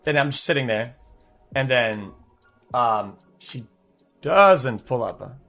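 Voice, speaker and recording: A young man in his twenties, a streamer casually telling a story to his chat, rambling and profane, repeating words and breaking into animated bursts. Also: medium pitch, takes it slowly, soft background music.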